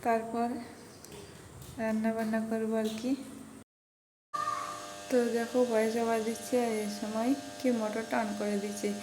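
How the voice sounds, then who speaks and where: Woman, casual home vlog narration, high voice, roomy reverb. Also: monotone, moderate pace, long pauses. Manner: chatty, addresses viewers as friends, stumbles over foreign words. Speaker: vlogger. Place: home, recorded indoors with a motor running. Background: motor hum.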